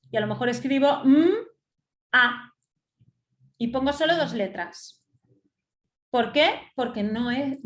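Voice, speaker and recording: A middle-aged woman lectures in a slightly high voice, pausing to check that her listeners follow. Her voice rings around an echoey room as she explains step by step. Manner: didactic, checks in with rhetorical "¿sí?". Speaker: teacher giving a reading webinar.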